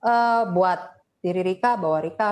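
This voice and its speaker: A woman's voice: on the low side, moderate pace. A woman from Indonesia co-hosting a podcast in casual chat, talkative and laughing often, with English words mixed into her speech. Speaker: podcast co-host.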